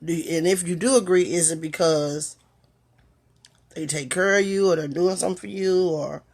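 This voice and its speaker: A woman hosts her own talk, delivering a reflective motivational monologue in a fairly low voice with a darkish tone. She's unhurried, pausing often, and asks the listener one rhetorical question after another.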